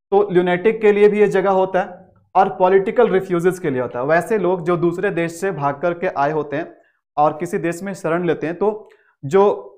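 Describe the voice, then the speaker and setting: A man with a high voice gives an English vocabulary lesson. He keeps asking rhetorical questions and answers them himself. He reads the English definitions slowly and with care. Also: darkish tone. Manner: repetitive, asks the class questions and answers them; mixes Hindi with English words and definitions. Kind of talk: explanatory lesson.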